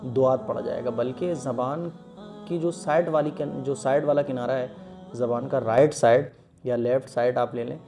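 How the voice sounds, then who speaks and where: A man's voice: medium pitch, steady tone, dark tone, soft background music. A man teaching the Arabic letters as a Quran lesson, patiently stretching each letter sound and checking in often with his listeners.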